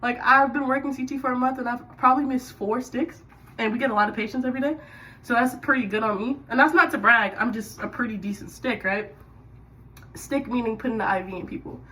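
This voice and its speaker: A young woman in the military telling a casual work story while doing her hair, chatty and animated with sudden loud bursts. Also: fairly high pitch, brisk, distant mic, slight background noise, rough recording.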